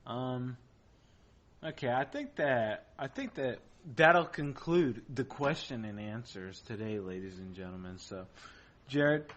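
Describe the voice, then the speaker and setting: A man's voice: medium pitch, unhurried, fairly bright tone, lo-fi sound. A man hosting a casual gaming podcast, chatting loosely and signing off the show. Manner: laid-back, loose and chatty, signs off the show. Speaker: podcast host.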